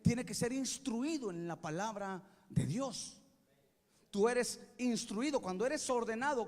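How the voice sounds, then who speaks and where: A male pastor preaching a sermon, asking the congregation to repeat after him and checking if they follow. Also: very high voice. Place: church sanctuary. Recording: long hall reverb from a church.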